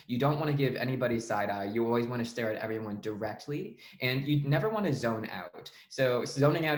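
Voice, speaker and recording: Young man coaching, echoey room. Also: medium pitch. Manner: casual explanatory tone with frequent fillers. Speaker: debate coach. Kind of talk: online lesson on speech delivery.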